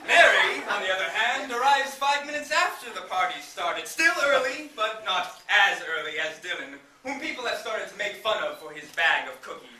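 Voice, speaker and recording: A young man narrating a live stage comedy in a mock-dramatic way, at times shouting protests at the characters. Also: high voice, lively intonation, moderate pace, hardly any pauses, some chatter behind. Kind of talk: comic improv narration. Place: theater stage with a live audience. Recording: echoey stage from far off, noisy, laughing audience.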